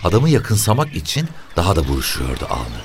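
A man narrating a short story aloud in a lively, expressive reading. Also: deep voice, fairly quick, background noise.

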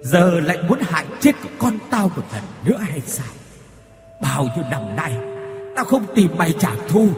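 A man's voice: fairly high pitch, big pitch swings, measured pace, gravelly, pauses often, a little mellow, long reverb tail, faint music behind, full character voice. Man doing a screeching vengeful woman's ghost. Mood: bitter. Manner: screeching, hate-filled snarling. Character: vengeful dead mother's ghost possessing a young woman.

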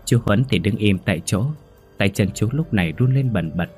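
A man reading a horror story in a steady, measured way. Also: lowish voice, faint music behind. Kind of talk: scripted horror narration.

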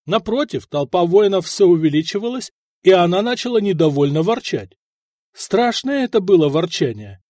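Expressive male storyteller, dry close voice. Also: high-pitched, normal speed, no room sound. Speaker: narrator. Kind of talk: audiobook narration of historical fiction.

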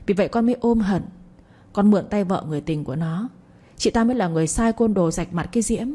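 A woman's voice: mid-range voice, quick pace, warm tone, slightly rough, lightly acted. A woman voicing a young daughter who confesses in a heavy, resentful way. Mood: bitter.

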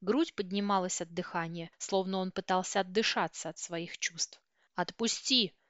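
A woman reading a first-person novel aloud with steady, tense storytelling. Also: lowish voice, moderate pace, dry recording, highs cut off. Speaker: audiobook reader.

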